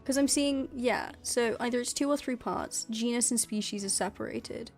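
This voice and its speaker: A woman's voice: a little high, normal speed, creaky, soft background music. A woman co-hosting a worldbuilding stream, chatting casually, giggling and thinking aloud with many restarts. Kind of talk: casual brainstorming chat.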